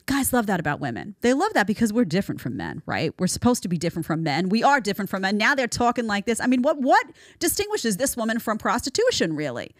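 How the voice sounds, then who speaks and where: A woman's voice: medium pitch, very animated, fast talker, hardly any pauses, no echo, clean studio sound. A woman hosting a social commentary podcast, talking emphatically and with strong opinions. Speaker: podcast host.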